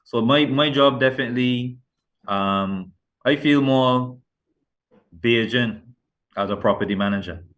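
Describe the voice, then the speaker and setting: This muffled recording captures a middle-aged Barbadian author guest in a casual interview, his accent clearly Barbadian. His medium-pitched, slightly bright voice is unhurried with frequent pauses, and his manner is earnest and rambling, full of restarts and self-corrections.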